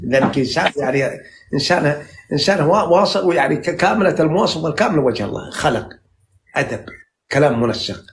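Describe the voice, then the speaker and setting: Speaking into a phone for a live stream, a dream interpreter in his sixties chats casually in the Najdi Arabic of central Saudi Arabia. He talks at breakneck speed in a slightly high voice, rambling, flattering, stacking fillers and starting sentences over. There's slight background noise.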